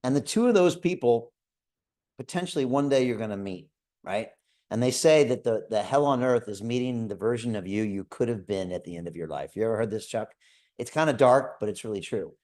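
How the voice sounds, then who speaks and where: A man's voice: medium pitch, darkish tone. A man hosting a live call, giving an earnest motivational talk and often checking in with "right?". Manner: earnest, repeats "right?" to listeners. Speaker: show host. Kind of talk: motivational livestream talk to viewers.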